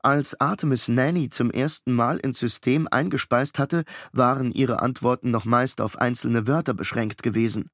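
A man narrating a children's audiobook in a calm, even storytelling manner. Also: mid-range voice, normal speed, hardly any pauses, dry recording, clean studio sound.

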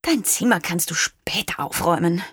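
A woman's voice: normal speed, husky, no room sound, clean studio sound. A woman voicing a harried mother who scolds her children while baking, read aloud as a storybook. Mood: scolding. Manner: shrill, scolding.

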